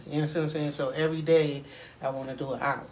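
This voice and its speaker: A man with a slightly high voice talks casually to camera while hitting a punching bag. He rambles along in loose, conversational phrases with repeated check-in tags. The recording has clearly audible noise around him. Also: little pitch movement, quick pace. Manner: rambling, frequent "you know what I'm saying" tags. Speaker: video creator. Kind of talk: casual workout vlog, talking to camera.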